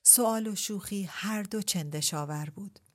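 A woman reading a literary novel aloud in a measured, reflective way, posing rhetorical questions. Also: mid-range voice. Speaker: audiobook reader. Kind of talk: literary story narration.

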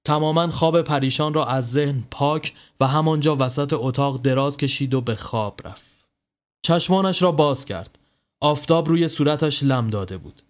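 A man reading a horror story as narrator, in a measured, even storytelling manner. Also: fairly high pitch.

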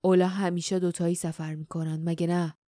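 A woman's voice: on the low side, flat delivery, dark tone, dry recording, clean studio sound, voice pushed down, natural voice. A woman voicing a grim, suspicious male resistance leader in a storybook, speaking curtly. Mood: stern. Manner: curt, frowning.

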